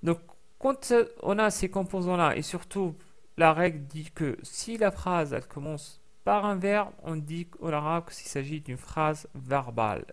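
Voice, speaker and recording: Man, language teacher, recorded lesson, patient explaining, fairly high voice, frequent fillers. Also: a little slow. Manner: patient explaining with many fillers and repeated example sounds.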